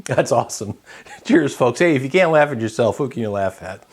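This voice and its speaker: Man, home cocktail vlog host, relaxed, chatty, filler-heavy, mid-pitched voice. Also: brisk, breathy edge, faint music behind. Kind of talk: casual cocktail-making vlog.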